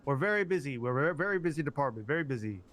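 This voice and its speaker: A man's voice: a little high, expressive, racing, a bit bright, no echo. A man in a casual roleplay, talking in a put-on New Jersey accent, rambling and stumbling over restarts as he jokes. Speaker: roleplay player as a justice department officer.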